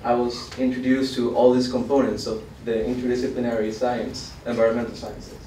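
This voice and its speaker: A young man from Argentina, a student giving a conference presentation, halting with many fillers. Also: medium pitch, little pitch movement, warm tone, slight background noise. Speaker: student researcher. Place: college event hall. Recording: roomy hall, mic far off.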